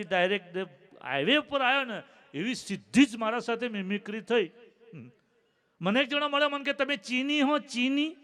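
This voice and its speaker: A man with a strikingly high voice tells stand-up jokes at a late-night folk stage show. He talks chattily and plays out both voices in every exchange. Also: a bit bright. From Gujarat. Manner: chatty, acts out both sides of each joke's dialogue. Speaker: comedian.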